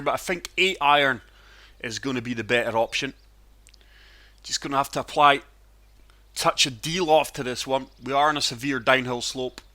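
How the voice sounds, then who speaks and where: Male gaming host, mid-pitched and bright, chesty and wheezy with a cold, casual golf play-by-play. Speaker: gaming channel host and player. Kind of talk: casual golf game commentary.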